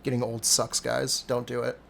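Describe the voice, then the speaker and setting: A man in his forties with a gravelly voice talks in a loose, rambling way. He swears freely and grumbles about getting old, in a casual home chat over voice call. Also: mid-range voice, completely flat delivery, normal speed, slight background noise. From Cincinnati area, USA. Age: 40s. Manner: rambling, profane, self-deprecating.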